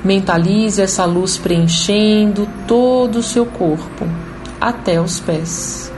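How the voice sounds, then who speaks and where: Female meditation guide, Brazilian accent, soothing and very unhurried delivery over clearly audible music. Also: on the low side, rough recording. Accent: Brazilian Portuguese. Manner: slow, soothing, with long pauses. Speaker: program host and holistic therapist.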